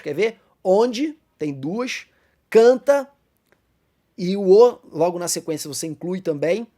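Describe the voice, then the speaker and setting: A man with a Brazilian Portuguese accent leads a church Bible class. He explains each point step by step, addresses his listeners as brothers, and slows down to recite lines of verse. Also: high-pitched, a little mellow. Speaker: Sunday school teacher.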